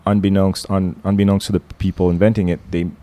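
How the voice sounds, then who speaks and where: A man hosts a comedy podcast in a low, mellow voice. He rambles, restarts his sentences, and keeps the talk loose. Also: flat delivery, brisk. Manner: rambling, full of restarts and fillers. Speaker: podcast host. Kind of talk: casual podcast chat.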